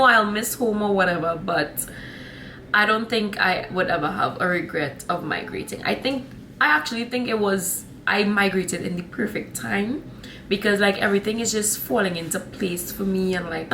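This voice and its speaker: Chatting casually to camera, this young vlogger from Trinidad and Tobago speaks with a Trinidadian accent in a sassy, meandering style, addressing viewers as y'all and honey. Her pitch is medium with vocal fry and a fairly bright quality, over slight background noise.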